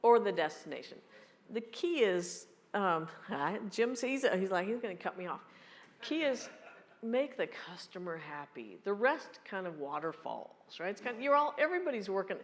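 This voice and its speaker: A woman in her fifties giving a keynote and answering audience questions in a blunt, joking, fast-talking way. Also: mid-range voice, sing-song. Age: 50s. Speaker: keynote speaker. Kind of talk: live Q&A at a meeting. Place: large hall. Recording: long hall reverb.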